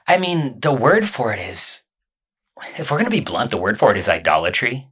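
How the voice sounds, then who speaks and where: A man's voice: mid-range voice, very animated, normal speed, a bit bright, breathy edge. A man co-hosting a casual theological discussion, with dry jokes. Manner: dry, joking.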